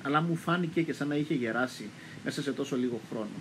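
A man with a Cypriot accent reading a literary text aloud in a calm, measured storytelling way. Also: medium pitch, background noise. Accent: Cypriot Greek. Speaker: literature reader.

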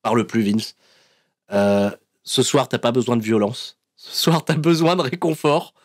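A man voicing a tough male wrestler who turns earnest and sweetly comforting, speaking in an over-gentle, reassuring way. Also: mid-range voice, expressive, a little slow, dry recording, studio quality.

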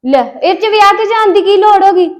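A young woman playing a sharp-tongued, quarrelsome sister-in-law, in a family web drama. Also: extremely high pitch, expressive, brisk, lo-fi sound, a crowd in the background. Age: young adult. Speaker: unmarried daughter of the house.

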